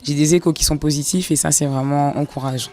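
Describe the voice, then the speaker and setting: Chatty tourism entrepreneur, fillers galore. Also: female voice, deep voice, fairly even intonation, fast talker, mellow, faint music behind. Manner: fluent but filler-heavy, says 'en fait' often.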